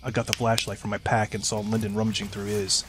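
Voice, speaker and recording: A man's voice: fairly low pitch, little pitch movement, quick pace, a bit bright, soft background music. A man narrating a horror story, reading the dialogue in different voices. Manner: acts out the dialogue in shifting voices.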